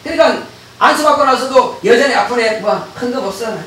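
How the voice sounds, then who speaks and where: A male pastor giving an animated sermon in a church. He laughs, acts out dialogues and bursts into shouts. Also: very high voice, brisk. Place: church sanctuary. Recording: very echoey church hall, distant mic, faint noise.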